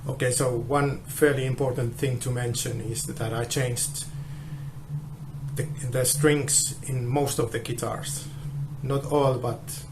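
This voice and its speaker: Man on a low-quality phone recording, flat and halting delivery, steady background noise. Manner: halting, with frequent restarts. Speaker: guitar tester. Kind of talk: explaining a measurement test.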